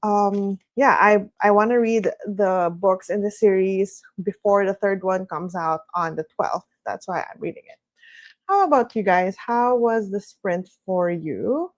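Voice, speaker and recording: A woman's voice: medium pitch, measured pace, dry recording. A woman hosting a livestreamed reading session, chatting casually and easily, sometimes in a sing-songy way. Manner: chatty, relaxed, reads viewer comments aloud; sing-songy delivery at times. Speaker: streamer hosting reading sprints.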